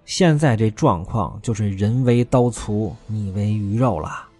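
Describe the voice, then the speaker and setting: A man's voice: on the low side, measured pace, dark tone, soft background music. A man narrating a classic tale as a storyteller, with wry commentary between scenes.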